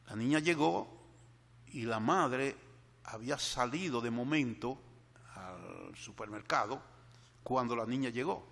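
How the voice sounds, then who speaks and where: A man's voice: mid-range voice, vocal fry, a bit bright, big-room sound. An older man preaching a sermon meditation, earnestly repeating key phrases for emphasis as he tells a personal story.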